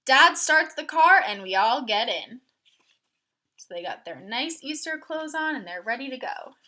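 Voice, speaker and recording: A woman with a high, expressive voice reads a picture book aloud to children at an unhurried pace, her tone sharp. Like a teacher, she adds simple explanations and poses questions to her young listeners.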